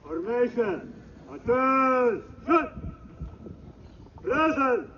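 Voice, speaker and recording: A man shouting long, drawn-out drill commands as a parade commander on an outdoor parade ground. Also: very high-pitched, lively intonation. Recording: distant, dull, noisy outdoor recording.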